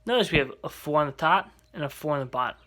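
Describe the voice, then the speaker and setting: A man's voice: a little high, expressive, quick pace, pushed and bright. A man teaching an algebra lesson, explaining step by step and checking in with rhetorical questions. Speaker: math teacher.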